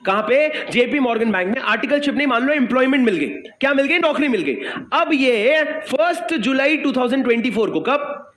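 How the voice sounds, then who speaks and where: A man with an Indian accent teaching tax law in a lively, jokey lecture, acting out little dialogues and calling his students sir. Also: extremely high pitch, a little fast. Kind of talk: animated classroom lecture. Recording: echoey room with faint background noise.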